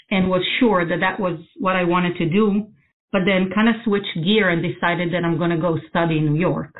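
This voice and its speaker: A woman, answering interview questions as an architect in a thoughtful way with many pauses and restarts. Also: medium pitch. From Israel. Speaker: guest architect. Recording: phone-like narrow sound.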